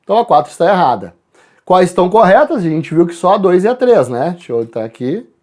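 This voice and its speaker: A man's voice: sits high, quick pace. A man from Brazil, a teacher walking students through exam answers, calling out letters and addressing the class. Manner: lively, addresses students directly, spells out letters.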